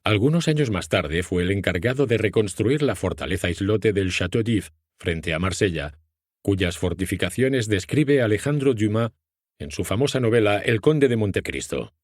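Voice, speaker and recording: A man narrates an audiobook from a script in a Castilian Spanish accent. His voice sits fairly low and moves with very varied intonation. The recording is dry and close, with very little room sound. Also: lively intonation, moderate pace, dry recording.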